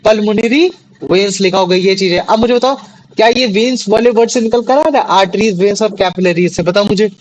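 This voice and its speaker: A man's voice: sits high, a little fast, low-quality recording. A young man teaching a classroom lesson, often repeating questions to check that the students follow. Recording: faint background noise.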